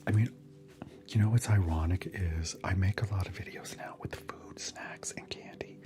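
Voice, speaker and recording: Male ASMR streamer, low whisper, chatty and casual, reads comments aloud, steady music bed underneath. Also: moderate pace. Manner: chatty, answers viewer comments aloud between snacks. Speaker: ASMR livestream host. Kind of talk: whispered ASMR livestream chat.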